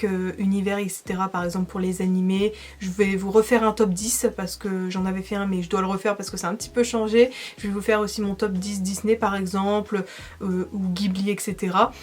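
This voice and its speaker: A woman's voice: mid-range voice, a little mellow. Chatty young French woman vlogger. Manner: chatty, enthusiastic, many fillers and laughs. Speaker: makeup vlogger answering viewer questions. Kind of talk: casual chat to camera.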